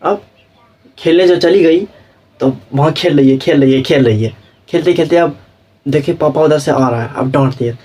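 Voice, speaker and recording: A young man with a dark-toned, somewhat high voice teaches a class at a moderate pace. He asks "samjhe?" after nearly each point to check that students follow, and at times acts out the kids and parents he's talking about.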